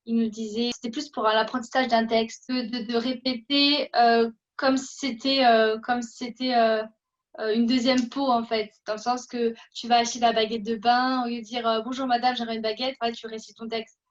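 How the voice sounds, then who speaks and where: The host of this casual acting interview is a woman whose fairly high voice stumbles through fillers and restarts. Her hesitant talk is captured on a dull, lo-fi recording.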